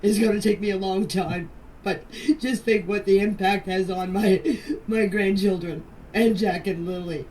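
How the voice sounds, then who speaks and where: With a mid-range, somewhat dark voice, a grandmother speaks at a measured pace and steady tone while answering questions in a group voice chat. Her voice messages form an emotional personal statement that is plain-spoken, pleading, and insistent, recorded in a distant, noisy amateur way.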